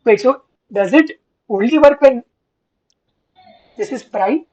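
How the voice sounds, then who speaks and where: A woman talking through math on a video call whose audio keeps cutting out, speaking in halting, thinking-aloud bursts. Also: high-pitched, expressive, a little mellow, dull audio. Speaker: student in a study call. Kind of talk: casual math discussion.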